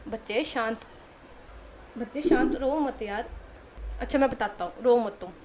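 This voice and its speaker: A woman voicing a gentle grown man who speaks softly and kindly to two girls. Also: fairly high pitch, unhurried, a little hiss or hum, natural voice. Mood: soothing. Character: gentle adult man, fond uncle type.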